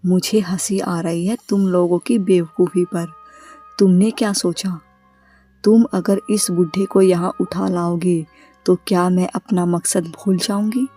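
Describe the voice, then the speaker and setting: A woman's voice: fairly low pitch, steady tone, measured pace, warm tone, faint music behind. A woman voicing a ruthless scornful witch. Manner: cold, scornful threats. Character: vengeful ruthless female witch bride.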